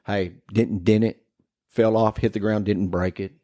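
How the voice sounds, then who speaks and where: A man's voice: fairly low pitch, steady tone, unhurried, dark tone. Man, rambling ghost-story teller, cusses a lot, chatty podcast guest. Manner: rambling, profane, laughing through his story. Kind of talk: casual ghost story chat.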